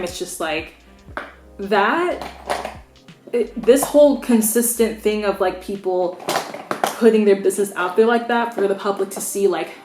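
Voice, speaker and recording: Frank young woman in a roomy space. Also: medium pitch. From United States. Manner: frank, opinionated, conversational with many "like"s. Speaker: beauty vlogger. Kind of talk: candid opinion vlog. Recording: roomy echo.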